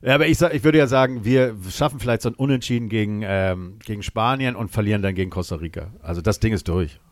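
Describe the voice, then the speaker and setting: A man's voice: lowish voice, fast, no echo, studio quality. A man chatting casually, rambling and restarting with fillers. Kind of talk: casual chat.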